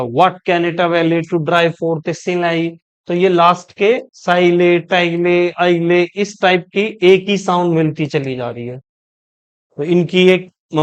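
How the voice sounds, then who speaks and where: A man from India teaching an exam-prep lecture. He explains step by step, keeps rephrasing himself, and reads English quotations slowly and deliberately. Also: a little high, clear, resonant tone.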